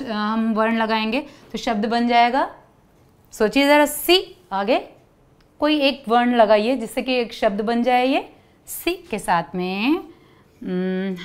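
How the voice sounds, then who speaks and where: A woman leads a lesson for small children in a smooth, clear voice pitched a little high. She is patient and goes step by step, stretching out each sound and asking the kids to say it back to her. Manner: stretches syllables and asks kids to repeat. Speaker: teacher.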